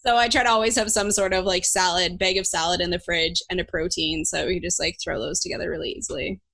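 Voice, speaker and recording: A woman's voice: lowish voice, steady tone, fast, creaky, a bit bright. A woman chatting casually as the host of a podcast. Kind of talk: casual chat.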